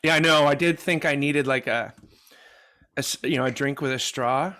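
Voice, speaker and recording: A man's voice: mid-range voice, normal speed, bright, forceful tone. A man in his fifties co-hosting a podcast, chatting casually and joking, rambling with fillers. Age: 50s. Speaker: podcast co-host. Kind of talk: casual chat.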